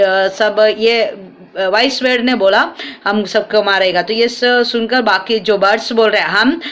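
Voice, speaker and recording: A young woman teacher in a classroom lesson, reading a story aloud slowly and retelling it with fillers and restarts. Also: on the high side, a bit bright. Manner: reads the English text slowly with stress on each phrase.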